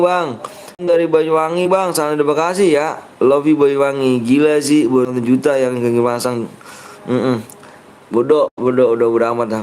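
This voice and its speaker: A man's voice: a little high, darkish tone, clean tone. A man streaming a mobile game live, chatting in slang and reading out viewers' messages. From Indonesia. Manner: slangy, joking, reads viewers' chat aloud. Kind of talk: casual live-stream chat.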